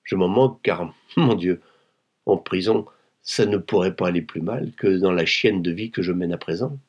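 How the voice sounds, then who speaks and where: A man's voice: low voice, normal speed, a little mellow, husky, highs cut off. A man reading a novel aloud and voicing an insolent, coarse blackmailing woman who speaks with mocking, overly familiar coolness. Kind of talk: audiobook reading.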